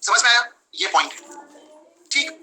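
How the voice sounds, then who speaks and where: A young man teaching law in a live online class, lively, switching between Hindi and English and acting out his examples. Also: very high voice, normal speed, poor audio.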